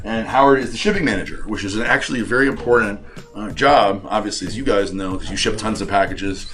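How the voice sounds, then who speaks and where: Guy with a lowish voice, company boss doing a walk-around tour, talks a lot and rephrases as he goes. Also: fast, fairly bright tone. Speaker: company CEO giving a tour. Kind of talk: casual unscripted tour talk.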